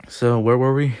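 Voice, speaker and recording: A man's voice: mid-range voice, gravelly, heavy background noise. Laid-back man chuckling through reactions. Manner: chuckles often, loose and joking. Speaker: host of a railfan video reaction channel. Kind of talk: casual reaction commentary.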